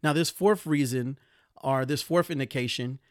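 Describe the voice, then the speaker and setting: Animated man giving podcast career advice. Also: medium pitch, normal speed, dry recording, clean studio sound. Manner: animated, gets riled up, mimics complainers. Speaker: podcast host. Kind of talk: motivational podcast talk.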